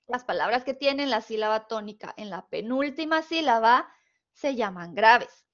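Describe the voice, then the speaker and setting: High-voiced Mexican woman teaching spelling. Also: a bit bright. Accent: northern Mexican Spanish. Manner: patient, explains rules step by step, checks understanding with questions. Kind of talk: online spelling lesson. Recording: dull, lo-fi recording.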